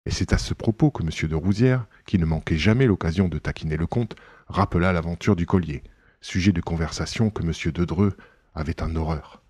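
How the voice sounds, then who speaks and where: A man reading a classic novel aloud as an audiobook narrator, in a measured storytelling manner. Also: deep voice, darkish tone, husky, no echo, studio quality.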